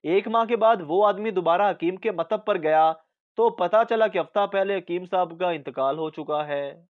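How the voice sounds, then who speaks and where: A man reading out a string of short jokes as the narrator, with a measured delivery of the punchlines. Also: high voice, phone-quality sound. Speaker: joke narrator.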